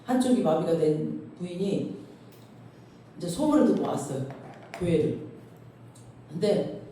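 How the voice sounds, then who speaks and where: A woman pastor preaching in her church, spinning a story and acting out its voices with chatty asides. Her tone is dark and mellow. The sound booms around a very reverberant hall, caught from far away. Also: lively intonation, a little slow, a little hiss or hum. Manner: storytelling, acts out quoted voices, informal asides. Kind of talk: sermon. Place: church sanctuary. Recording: very echoey hall, far from mic.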